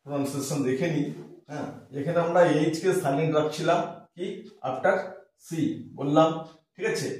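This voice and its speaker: A man's voice: fairly high pitch, darkish tone, recorded from a distance. Man teaching in an echoey room. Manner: spells words letter by letter and repeats them, asks checking questions. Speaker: English teacher. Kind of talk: pronunciation lesson.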